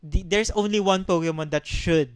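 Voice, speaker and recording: A man's voice: high voice, normal speed, clean tone, dry recording. A man co-hosting a casual gaming podcast, thinking aloud with frequent restarts and ums. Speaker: podcast co-host. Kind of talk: casual chat.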